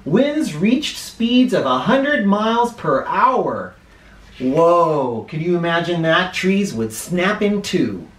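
This middle-aged American man, a children's picture book reader and host, has a high voice and reads aloud with expressive, dramatic flair and deliberate emphasis, pausing for spoken asides. He's indoors in a small living room, and the recording has a roomy, echoey quality.

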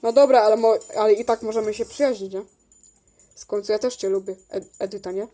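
A woman voicing a whole cast of toy figures in a bickering role-play, jumping between shrill shouting and soft low voices. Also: fairly even intonation, fast. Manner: switches between shrill squabbling voices and low quiet ones. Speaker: toy video creator voicing all figures.

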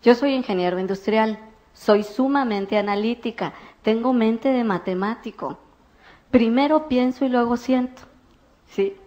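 A woman's voice: on the high side, measured pace. A woman giving a motivational talk at a business convention, telling stories and acting out the dialogue. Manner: animated storyteller acting out dialogue. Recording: muffled lo-fi recording.

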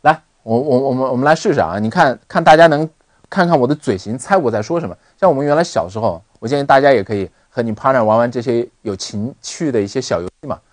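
Male online English tutor, animated delivery with a dry, close mic. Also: medium pitch, fast, no room sound. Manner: animated, repeats words for drill. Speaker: English teacher. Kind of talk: online lesson.

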